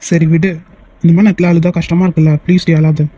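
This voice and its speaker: A voice actor dubbing a teasing, easily annoyed young man in a cartoon, talking in fast, bickering banter. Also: mid-range voice, flat delivery, mellow, natural voice. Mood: soothing. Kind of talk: cartoon voice dub.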